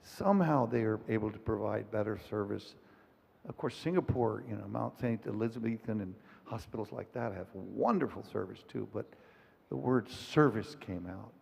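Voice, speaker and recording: Panel moderator: man, low husky voice, speaking in a reverberant auditorium. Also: normal speed, darkish tone. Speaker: panel moderator, hospital international clinic head. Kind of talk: panel discussion. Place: conference auditorium. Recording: long reverb in a conference hall.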